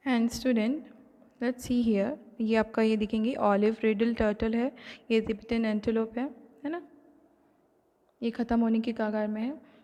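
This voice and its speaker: A woman's voice: a little high, steady tone, warm tone. Indian woman teaching in an echoey hall. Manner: reads English textbook lines slowly, then explains them in Hindi with many fillers. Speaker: online class teacher. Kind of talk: recorded lesson explaining a textbook. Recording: long hall reverb.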